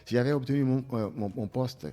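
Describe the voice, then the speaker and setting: A man's voice: medium pitch, brisk, dark tone. An older man born in Haiti, telling his life story as a guest in a radio interview, reflective and hesitant at times.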